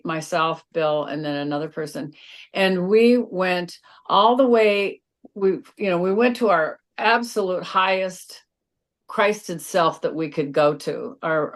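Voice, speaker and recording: A woman, a guest author, earnestly recounting a personal spiritual experience, halting and restarting as she searches for words. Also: fairly low pitch.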